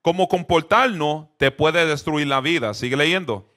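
A man's voice: on the high side, measured pace, pushed and bright. A man teaching an interactive Bible lesson who keeps checking in with his listeners and drops English fillers into his talk.

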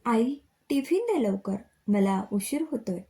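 A woman's voice: a little high, big pitch swings, a little slow, dark tone. A woman voicing a caring young college student who pleads and hurries in a story reading. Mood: hurried.

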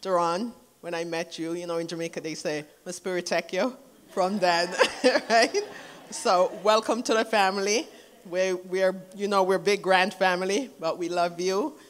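Cousin giving a lively wedding toast. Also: medium pitch, moderate pace, long reverb tail. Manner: lively, laughing between lines. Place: wedding reception hall.

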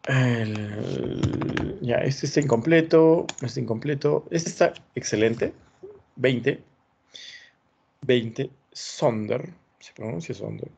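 A man's voice: medium pitch, slow, creaky, darkish tone, slight background noise. A man teaching an online class, thinking aloud and encouraging as he reviews students' work. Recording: dull lo-fi sound.

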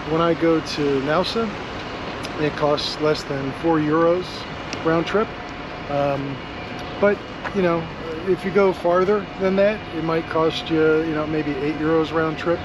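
A middle-aged man vlogging a casual walking tour, talking in a relaxed, chatty way with many ums, filmed on a camera held at arm's length in a sunny harbor area. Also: fairly high pitch. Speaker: travel vlogger. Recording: loud outdoor street noise.

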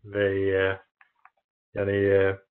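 Low-voiced foreign man in halting broken Turkish. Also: completely flat delivery, clear, resonant tone. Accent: foreign, English-speaking. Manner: halting, broken non-native Turkish with frequent pauses. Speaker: sustainability director presenting at a webinar. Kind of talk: slide presentation. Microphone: video call. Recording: thin, phone-like webinar audio.

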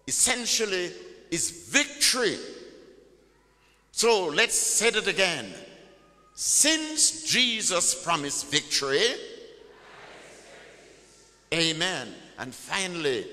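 With a fairly high, sharp voice, a preacher delivers an emphatic call-and-response sermon, stretching out his key words. Long reverb from the large church hall fills the recording.

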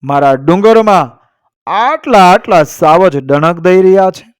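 A man voicing a booming sun god who speaks with thunder from a temple dome in a told folk tale. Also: animated, unhurried, clear, resonant tone, dry recording, studio quality. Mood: stern.

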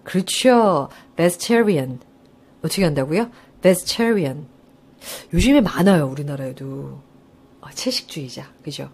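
A woman lecturer teaching a live online English test class, her voice swooping up and down in pitch. She keeps asking students questions and answering them herself, often laughing as she explains. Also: expressive, normal speed, creaky, darkish tone, husky.

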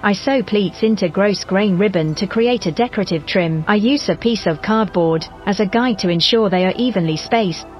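Female text-to-speech robot voice narrating. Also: medium pitch. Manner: even, measured synthetic delivery. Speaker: doll customizer narrating her craft. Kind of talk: step-by-step craft narration. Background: background music.

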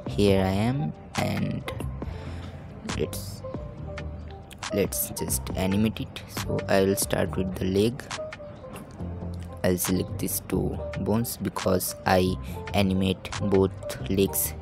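A man giving a software tutorial voiceover, talking slowly, calmly and quietly in a halting way, close to the microphone. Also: low voice, vocal fry, over music. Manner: slow, calm, hushed talk; halting, thinking aloud while demonstrating. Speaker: tutorial host. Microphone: microphone held close to the mouth.

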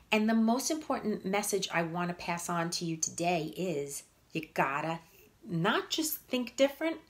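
A woman in her fifties, a fitness and nutrition coach, giving blunt, emphatic motivational talk to viewers on a live stream. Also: mid-range voice. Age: 50s. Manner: blunt, emphatic, repeats points for punch.

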